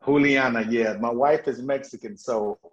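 Man, guest, energetic, laughing, restarts often, casual chat, mid pitch, lo-fi sound. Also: normal speed. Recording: dull lo-fi audio.

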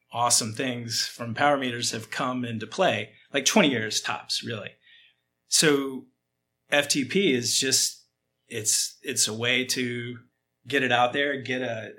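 A man speaking as a guest coach, explaining informally in short, halting phrases. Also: mid-range voice, sharp tone, a little hiss or hum. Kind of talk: conversational expert explanation.

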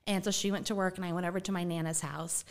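A woman's voice: lowish voice, steady tone, fast. A woman in her twenties, a podcast guest, telling a personal story in a chatty, casual way and laughing often.

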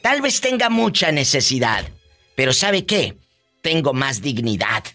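A man's voice: mid-range voice, big pitch swings, unhurried, bright, forceful tone, faint music behind. A man hosting a call-in radio show, playful and campy, joking with callers and repeating catchphrases. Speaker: radio host.

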